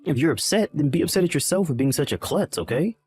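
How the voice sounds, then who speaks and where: A man's voice: a little high, expressive, fast talker, darkish tone, breathy edge, soft background music. A man voicing a dismissive, callous young husband in a text-message drama, irritated and belittling.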